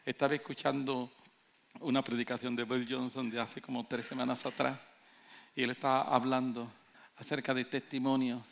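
A man's voice: medium pitch, creaky. A man preaching a sermon with passion, telling stories and acting out the people in them. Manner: impassioned preaching, rising to near shouts; acts out quoted voices in storytelling. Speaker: pastor.

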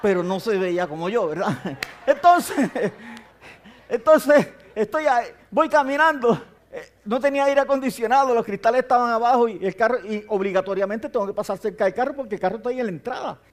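High-voiced older preacher. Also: male voice, a little fast. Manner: storytelling, acts out dialogue. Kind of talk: personal testimony.

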